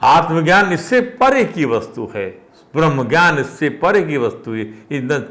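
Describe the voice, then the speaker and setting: A man's voice: fairly high pitch, sing-song, measured pace, a bit bright. An older man giving a spiritual discourse, repeating phrases and rising with emphasis on key points.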